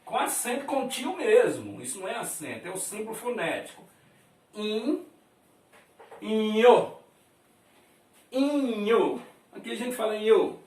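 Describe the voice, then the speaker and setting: A man from Brazil teaches a lesson, spelling out sounds slowly and chuckling as he explains. His voice sits high and moves animatedly up and down. He is heard from a distance in a roomy space. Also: big pitch swings. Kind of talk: classroom lesson at a board.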